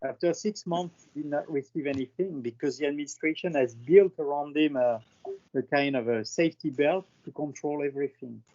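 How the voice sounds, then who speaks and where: French guy on a video call, kinda high voice, lots of uhs and restarts, muffled lo-fi sound. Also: fairly quick, mellow. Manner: hesitant, many fillers and restarts. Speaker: presenter on France in a video call. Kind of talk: casual chat. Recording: dull lo-fi call audio.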